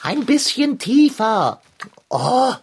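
A woman's voice: on the high side, very animated, slow pace, a little mellow, a little hiss or hum, exaggerated voice. A woman playing a prim, pompous house cat in a children's radio play, talking in a sniffy, know-it-all way. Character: fussy, pompous house cat named Long John.

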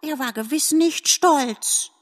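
A woman voicing a small, excitable squirrel in a storybook, talking in breathless exclamations. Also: high voice, takes it slowly, in a large hall, pitched above the performer's own voice. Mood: agitated.

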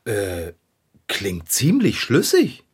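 Woman as a friendly bicycle shop owner; soothing, hesitant, low pitch with a lively melody. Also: very slow, breathy edge, exaggerated voice. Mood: kindly. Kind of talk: children's radio play acting.

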